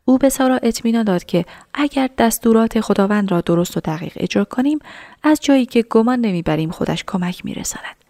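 A woman narrating a story in a soft, half-whispered reading voice. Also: on the high side, animated, no echo, studio quality.

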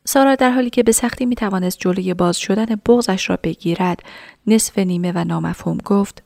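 A woman narrating a story in a soft, half-whispered reading voice. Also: medium pitch, vocal fry, no room sound, studio quality.

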